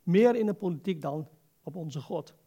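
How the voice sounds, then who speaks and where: A man's voice: a little high, lively intonation, moderate pace, warm tone, slightly rough, lo-fi sound. A man preaching an informal, conversational sermon as a pastor, exhorting his listeners and putting rhetorical questions to them.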